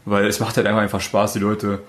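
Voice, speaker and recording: A man who hosts a podcast as a dating coach, talking in a casual chat. He rambles through his stories, with plenty of fillers and quick self-corrections along the way. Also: lowish voice, monotone.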